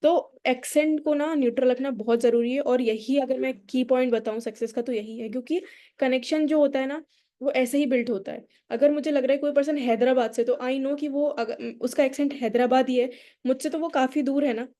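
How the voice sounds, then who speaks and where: A woman's voice: sits high, steady tone, brisk, warm tone. A woman from India with a neutral Indian accent, teaching a public speaking workshop in an explanatory way, mixing English into her Hindi and asking the audience questions. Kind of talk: workshop lecture.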